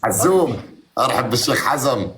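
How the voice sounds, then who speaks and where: A man's voice: medium pitch, expressive, brisk, a bit bright. A man bantering playfully as a rival streamer on a live stream.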